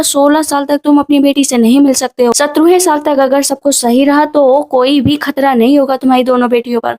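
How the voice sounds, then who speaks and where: A woman with a high voice tells the story of a drama in a casual, brisk recap. She passes along what each character says without changing her own voice. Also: darkish tone.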